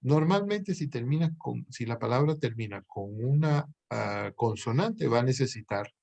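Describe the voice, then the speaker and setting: A male language professor walks his students through grammar in an expressive, gravelly, slightly mellow voice of medium pitch. He's patient and thinks aloud, pausing and correcting himself along the way.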